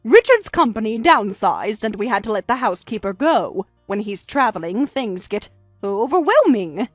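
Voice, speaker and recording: A woman's voice: on the high side, very animated, normal speed, no echo, soft background music, voice pushed down. A woman voicing a defensive older mother-in-law who pleads and makes excuses, in a synthetic text-to-speech read. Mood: pleading.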